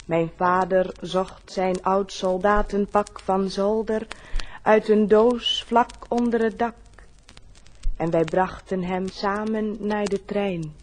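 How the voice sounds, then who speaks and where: A woman declaiming a poem in a solemn, deliberate manner, with dramatic pauses. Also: medium pitch, fairly even intonation, a little mellow, slight background noise. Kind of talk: poetry declamation.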